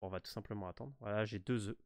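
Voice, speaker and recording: A man's voice: fairly low pitch, steady tone, rapid-fire, no room sound, clean studio sound. A man with a French accent giving a casual, hesitant game walkthrough full of fillers and restarts. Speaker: gaming walkthrough host.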